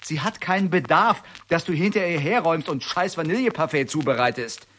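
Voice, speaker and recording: An actor playing a middle-aged older brother, bitter and sarcastic, in a radio play. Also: male voice, a little high, animated, fairly quick, a bit bright. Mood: bitter sarcasm. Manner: sarcastic, accusing.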